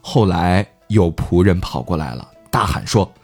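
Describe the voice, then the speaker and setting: A man hosting a podcast, telling a folk tale in a chatty, animated way. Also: low-pitched, a little slow, breathy edge, soft background music. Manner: chatty, animated, laughing asides. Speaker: podcast host. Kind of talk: casual storytelling.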